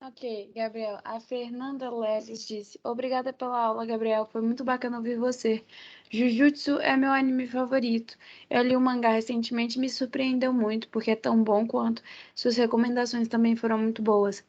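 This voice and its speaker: Moderator, Brazilian woman, brisk reader of chat, higher voice; dull lo-fi call. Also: level tone, a little mellow. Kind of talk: reading chat comments in an online meeting.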